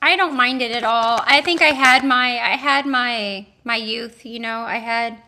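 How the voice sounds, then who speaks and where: Woman, 40s, tarot livestream host; high and bright, unhurried, chatty and musing. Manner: chatty and musing, thinks aloud with restarts and drawn-out exclamations; addresses viewers warmly, with homely blessings. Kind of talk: casual livestream chat.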